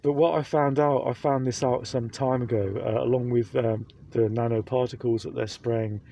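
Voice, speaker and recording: Gravelly but warm, his mid-range voice keeps fairly even intonation at a moderate pace. The man rambles to camera through a face mask in a casual vlog monologue, with lots of fillers, restarts and repetition.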